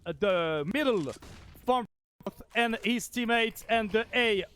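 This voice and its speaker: Excitable Spanish-accented esports caster, man. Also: high-pitched, takes it slowly, clean tone. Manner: excitable, bursts into shouts on big plays. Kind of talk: play-by-play esports commentary.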